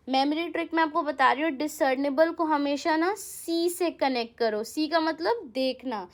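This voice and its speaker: A young woman with an Indian English accent teaching an exam-prep vocabulary lesson, rattling off explanations and then slowing down to read definitions and example sentences. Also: high-pitched.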